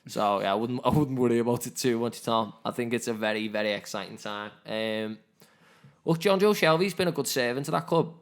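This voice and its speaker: A man's voice: medium pitch, fairly quick. A man co-hosting a casual football podcast with matey banter. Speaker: podcast co-host.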